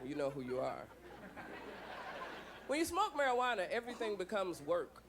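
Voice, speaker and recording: A man's voice: high-pitched, huge pitch swings, moderate pace, a crowd in the background. A man performing stand-up comedy in a conversational, observational way, talking directly to a live audience. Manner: conversational, observational, acts out quoted lines. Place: comedy club stage. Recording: noisy live club recording with audience. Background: audience noise and laughter.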